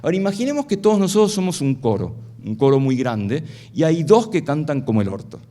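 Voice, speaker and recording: A man's voice: on the high side, sing-song, fairly quick, mellow. A middle-aged man giving a playful live science talk on stage, asking the audience a stream of questions. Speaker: science lecturer.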